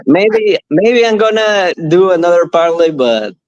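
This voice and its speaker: Guy from ecuador calling in, talks slow and careful, muffled dry call audio. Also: high voice, expressive. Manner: slow, earnest, halting. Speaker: caller. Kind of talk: casual chat.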